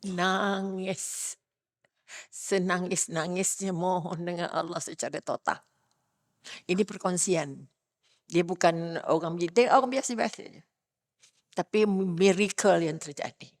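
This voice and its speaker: A middle-aged woman with a Malaysian Malay accent, giving a religious talk to a congregation, asking the listeners questions and swinging between loud emphasis and hushed storytelling. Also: on the low side, unhurried, no room sound, clean studio sound. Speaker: religious teacher.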